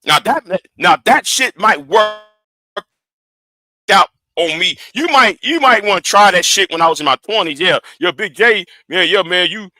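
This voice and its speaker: A man in his forties runs a heated livestream, speaking in a high, piercing, bright voice. He stammers, doubles back and repeats words as he pushes his point. The sound is close and dry, with no room around it. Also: lively intonation, moderate pace, dry recording. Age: 40s. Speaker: livestream host.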